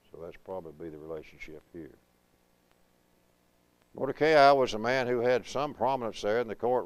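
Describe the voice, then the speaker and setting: A man teaching a Bible class at a preaching school, reading scripture slowly and then explaining it conversationally, asking his students questions. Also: deep voice, rough recording. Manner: conversational, asks the class questions and answers them; reads verses slowly and deliberately.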